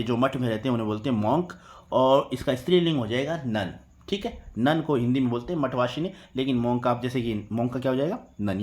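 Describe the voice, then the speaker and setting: A man giving an English vocabulary lesson. His pitch is mid-range for a man. He spells each word slowly and repeats every term twice. After each point he checks in with the class. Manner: spells words out letter by letter, repeats "ठीक है". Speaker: teacher.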